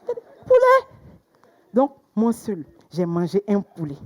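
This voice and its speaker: A young woman performing a stand-up comedy routine, telling stories with sudden loud exclamations. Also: fairly high pitch, normal speed. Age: young adult.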